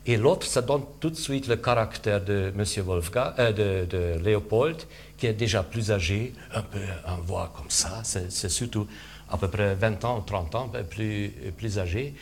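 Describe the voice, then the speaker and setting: A man coaching string players in rehearsal, halting with fillers, switching between English and French and vocalizing sounds to demonstrate. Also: on the low side, a little hiss or hum. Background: string instruments playing.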